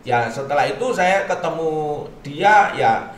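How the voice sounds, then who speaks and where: Pastor telling a dramatic story. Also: male voice, on the high side, lively intonation, a little slow. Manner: acts out quoted voices, swinging from loud bursts to soft pleading. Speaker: pastor telling his testimony. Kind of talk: animated storytelling interview. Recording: echoey room, distant mic, faint noise.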